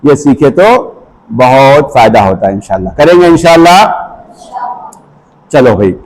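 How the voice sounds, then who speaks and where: Slow-speaking man teaching children. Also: mid-range voice, lively intonation, darkish tone, rough recording. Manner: asks questions and repeats phrases for children. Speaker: Islamic teacher addressing children. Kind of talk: slow, repetitive instructional talk.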